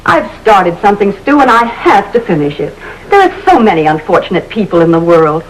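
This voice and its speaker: An actress playing a brisk, committee-minded middle-aged wife in a 1950s sitcom, crisp and indignant. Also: female voice, medium pitch, very animated, natural voice, poor audio. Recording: old TV soundtrack with faint hiss.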